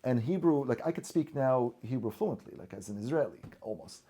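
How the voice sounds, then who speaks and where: This man's medium-pitched voice is animated and mellow, running a little fast. An Arabic speaker from Syria, he earnestly relates personal experiences on a podcast, repeatedly restarting sentences and doubling up words.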